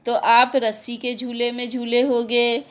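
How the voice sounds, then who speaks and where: A woman's voice: on the high side, level tone, measured pace. A woman teacher patiently explaining a children's poem to pupils, slipping English words into her explanations. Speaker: school teacher.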